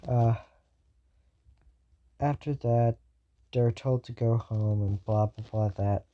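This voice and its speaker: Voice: mid-range voice, fairly even intonation, takes it slowly, muffled recording. A fan storyteller improvising a what-if story, rambling with many fillers and self-corrections.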